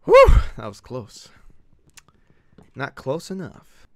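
A man streaming live gameplay, talking in an unhurried drawl that leaps up into yelps and curses. His voice is bright and lively, swinging widely in pitch as he banters with his chat. The sound is close and dry. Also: no room sound. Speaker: Twitch streamer.

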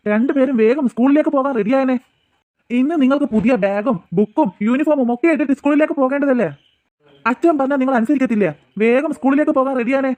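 A man's voice: very high voice, no room sound. A man voicing an easygoing cartoon father who coaxes and teases his two daughters and his wife. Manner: jokey, coaxing, quick talk.

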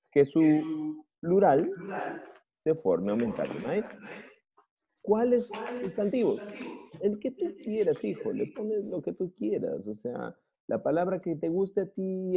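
Slow, patient Peruvian teacher man. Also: a little high, creaky, dull audio. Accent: Peruvian Spanish. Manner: patient, drills words slowly and asks "¿listo?" often. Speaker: English teacher. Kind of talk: online class lesson.

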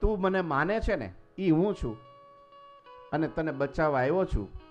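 A man voicing a calm, commanding divine male voice from the sky, speaking slowly and solemnly. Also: on the high side, muffled recording, soft background music, close to an everyday voice. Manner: slow and solemn.

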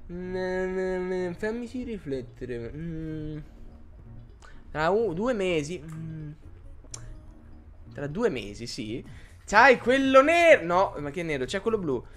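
A man's voice: high voice, fairly bright tone. A man streaming live, chatting casually and rambling as he answers his chat viewers.

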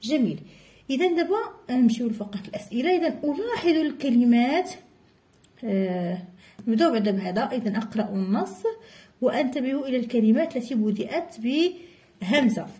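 A woman's voice: fairly high pitch, animated, mellow. Woman teacher with a Moroccan accent. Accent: Moroccan Arabic. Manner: repeats key words slowly and stresses them, says "jamil" as a filler. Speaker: primary school teacher. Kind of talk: classroom lesson explanation.

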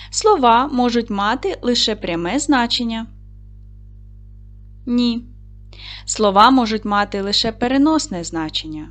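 A woman teacher leads a recorded lesson for young schoolchildren. She speaks clearly and patiently, with an encouraging warmth toward the class. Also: fairly high pitch. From Ukraine. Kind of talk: video lesson for second graders.

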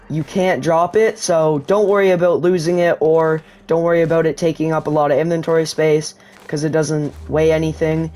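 A gaming YouTuber with a fairly high, slightly mellow voice narrates a gameplay tutorial. He explains step by step how to use an item, walking viewers through each stage.

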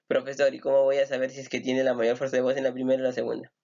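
A man voicing a curious young student who asks his teacher a quick, puzzled question. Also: medium pitch, monotone, gravelly, darkish tone, dull audio, natural voice.

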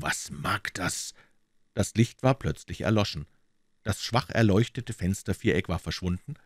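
A man narrating a classic detective story as an audiobook reader in a calm, steady way. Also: sits low, dry recording, studio quality.

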